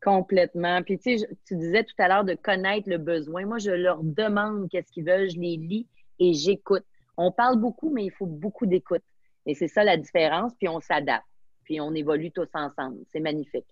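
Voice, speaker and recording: A woman's voice: fairly low pitch, normal speed, no echo, lo-fi sound. A woman from Quebec with a Québécois French accent, speaking enthusiastically as a guest in a webinar interview and mixing in English words.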